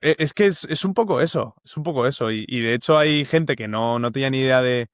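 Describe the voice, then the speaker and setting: A man's voice: medium pitch, fairly quick, dry recording, studio quality. A young man from Uruguay with a Spanish accent from the Valencia area, a journalist talking as a guest in a casual interview, thoughtful and full of fillers and restarts.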